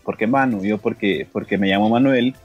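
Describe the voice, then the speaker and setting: Low-voiced Honduran man telling his story. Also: a little fast, slightly rough, muffled recording, faint music behind. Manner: animated storyteller who acts out the dialogue and often repeats words. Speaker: guest, singer and pastor. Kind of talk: telling a personal story in an interview. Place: radio studio.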